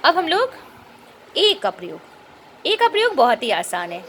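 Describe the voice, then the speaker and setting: A woman teaching a grammar lesson. She explains patiently, checks in with rhetorical questions, and spells out and repeats sounds slowly. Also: sits high, huge pitch swings, fairly bright tone, a little hiss or hum.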